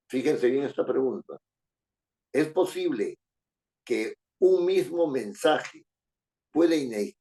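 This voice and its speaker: A man's voice: medium pitch, mellow. Peruvian guy teaching class, mid voice, keeps asking "no es cierto", repeats himself. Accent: Peruvian Spanish. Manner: frequent "¿no es cierto?" tags, rhetorical questions, repeats phrases. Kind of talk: lecturing a class.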